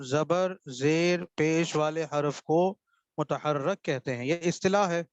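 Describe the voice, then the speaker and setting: A man with a Pakistani Urdu accent and a slightly high voice teaches the rules of Quran recitation in an online class, heard through dull audio. He reads out questions and explains them, patiently repeating each answer and making sure the students follow.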